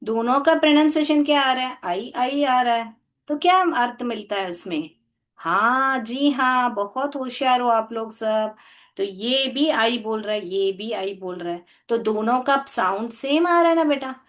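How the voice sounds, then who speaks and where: Woman schoolteacher, slightly high voice, very slow and patient, keeps questioning the kids. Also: a bit bright. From India. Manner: patient, asks children many questions and praises them; speaks slowly and spells points out step by step. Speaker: English teacher. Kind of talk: classroom lesson for children, mixing Hindi and English.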